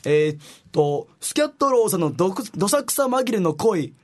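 A man hosting a radio show, chatting casually and wrapping up the program with lively banter. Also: high-pitched, a little fast.

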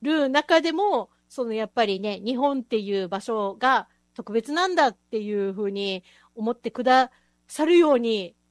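A woman's voice: a little high, lively intonation, moderate pace, no room sound, clean studio sound. A woman hosting a casual chat show, talking enthusiastically and laughing often. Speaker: host.

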